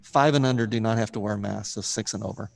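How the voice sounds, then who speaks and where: A man speaking as a school district official at a board meeting, explaining things in a measured, diplomatic way. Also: on the low side, gravelly.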